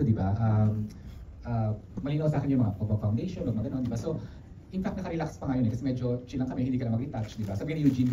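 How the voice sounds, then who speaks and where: Rapid-talking Filipino man director. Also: medium pitch. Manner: rapid, animated, mixing English into Filipino, many restarts. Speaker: film director. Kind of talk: press conference answers. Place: media conference room. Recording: dull, roomy, distant, with background noise.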